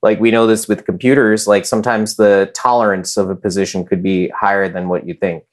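A young American chess master chats casually as a podcast guest, rambling with plenty of filler words. His voice sits on the low side, with a level tone and a brisk pace.

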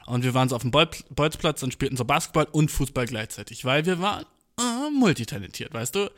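A young man telling a comedic story in casual speech, slangy and animated, full of swearing and English slang. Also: fast. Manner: slangy, animated, acts out quotes with big pitch jumps.

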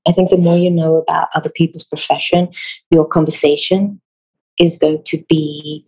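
A woman from Israel, a theatre designer by trade, gives measured, reflective interview answers with pauses and self-corrections. Her fairly low voice has a dark tone and a breathy edge, captured in a low-quality recording.

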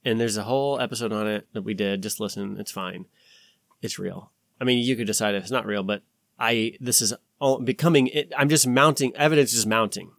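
A man's voice: on the low side, a little fast, creaky, a bit bright, no echo, clean studio sound. A man talking casually as a podcast host, rambling and swearing, with an insistent, conspiratorial warning tone as he acts out imagined exchanges.

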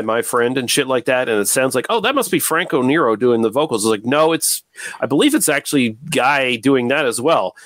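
A man's voice: medium pitch, a bit bright, dry recording. A man hosting a podcast, rambling and teasing his co-hosts in casual chat. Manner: rambling, laid-back, teasing. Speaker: podcast host.

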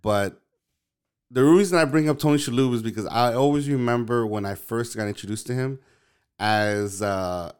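A man's voice: mid-range voice, moderate pace, darkish tone, clean tone. A man in casual chat, rambling and hesitant, with many fillers and restarts.

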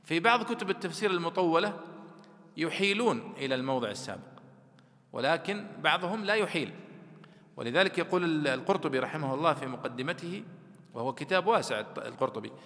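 A man's voice: a little high, lively intonation, fast, fairly bright tone, in a large hall. A man teaching a class on Quran commentary, explaining words at length and reciting classical verses and poetry. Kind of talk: classroom lecture.

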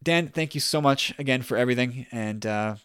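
Male podcast host, mid-range pitch, casual chat delivery, dry recording. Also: a little fast, a bit bright, clear, resonant tone, no room sound.

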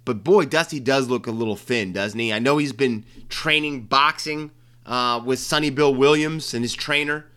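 A man's voice: medium pitch, moderate pace, sharp tone, clear, resonant tone. A man hosting a sports talk show, chatting casually about players and coaches in a joking way with frequent ums and restarts. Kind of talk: casual sports commentary monologue.

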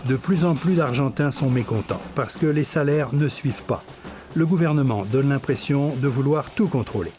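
A man giving a news report in a brisk, factual way. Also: mid-range voice. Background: music.

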